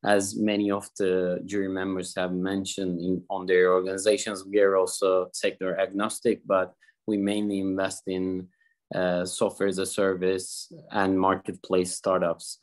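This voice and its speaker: A man's voice: deep voice, monotone, measured pace. A man introducing himself as an investor on a jury at an event.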